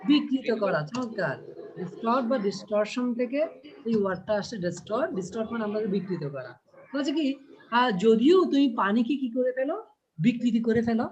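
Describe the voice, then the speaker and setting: Patient teacher on a dull lo-fi call. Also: male voice, very high-pitched, lively intonation, darkish tone. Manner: explains patiently, reads poem lines slowly. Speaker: English teacher. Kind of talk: online class lesson. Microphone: video call. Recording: dull lo-fi video call audio.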